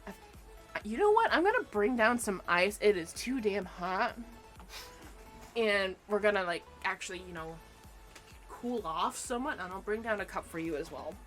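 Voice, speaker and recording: A woman's voice: mid-range voice, sing-song, normal speed, a bit bright. A woman chatting casually on her game stream, rambling and teasing. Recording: faint music behind the voice.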